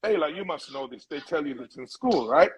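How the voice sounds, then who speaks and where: Speaking a little fast with a high-leaning, lively voice, a middle-aged Jamaican-accented man from Brooklyn, New York, appears as an interview guest and musical elder. His conversational advice comes across as emphatic and preachy.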